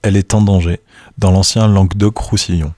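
A man reading scripted nature documentary narration in a measured, informative manner, with a husky voice. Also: deep voice, fairly even intonation, warm tone, no room sound, studio quality.

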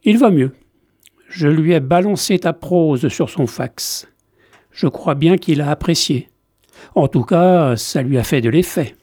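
A breezy, easygoing middle-aged friend from a storybook, voiced by a male reader in a slightly raised, offhand tone. He talks slowly, in a dark, mellow voice. The recording is dry and close. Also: a little high, lively intonation, no echo. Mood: confiding.

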